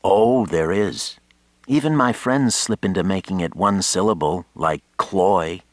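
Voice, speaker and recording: A man voicing a quick-witted young woman of about twenty in an audiobook, teasing and eager. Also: low voice, animated, no echo, pitched above the performer's own voice. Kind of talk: audiobook character voice.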